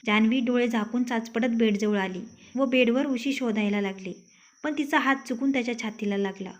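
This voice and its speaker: A woman's voice: a little high, fairly quick. Woman telling a storybook tale. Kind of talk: storybook narration. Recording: dull lo-fi recording.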